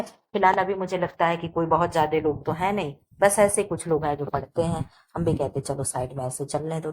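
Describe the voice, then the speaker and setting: A woman teacher reading multiple-choice exam questions aloud and answering them, checking in often with her students. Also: deep voice. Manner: reads options slowly, repeats "ठीक है" often. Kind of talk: exam-prep lesson reading quiz questions. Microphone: phone recording, voice-over of book photos.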